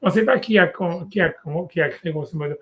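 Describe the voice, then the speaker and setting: In a relaxed one-on-one Torah study, a man teaches in a high voice at a quick pace, chatting informally. He often restarts his sentences and uses many fillers.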